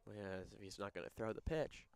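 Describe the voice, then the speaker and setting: A young man doing play-by-play for a high school baseball game, bantering with his partner between pitches. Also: expressive, a little fast, smooth. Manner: banters and teases his co-announcer. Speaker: play-by-play announcer.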